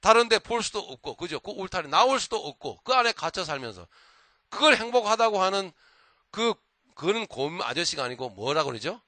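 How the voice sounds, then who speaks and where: A man's voice: high voice, a little fast, no room sound. A male pastor preaching a sermon in a church, telling stories and often prompting the congregation. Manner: animated storytelling, frequent prompts to the congregation.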